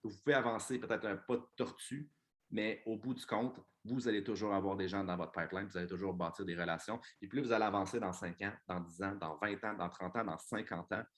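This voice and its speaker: A man with a Québécois French accent giving an energetic motivational talk to his business team, casually swearing and mixing in English words. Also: on the low side, brisk.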